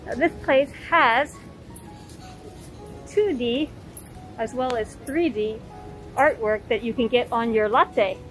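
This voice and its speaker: A woman in her forties, a vlog host, chatting excitedly into a close-held phone camera in a small quiet cafe. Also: on the high side, slow pace, pauses often, rough recording. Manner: bubbly and gushing, excitable. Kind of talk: casual travel vlog. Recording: loud music behind the voice.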